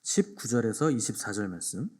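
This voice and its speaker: A male pastor delivering a Sunday sermon, retelling scripture with acted-out dialogue and sudden swings from quiet to forceful. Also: fairly low pitch, animated, fairly quick, husky. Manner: acts out biblical speakers in dialogue, swings between hushed and emphatic.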